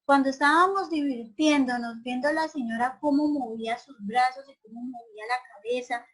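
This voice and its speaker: A woman's voice: high-pitched, normal speed, slightly rough, rough recording. A woman teacher giving an online class. She asks her students many questions and often checks whether they agree.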